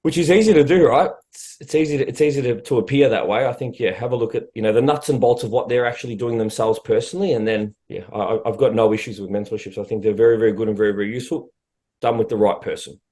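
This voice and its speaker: A man's voice: medium pitch, quick pace, dark tone. A man hosting a coaching podcast, talking casually and bluntly, swearing now and then. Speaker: prep coach podcast host.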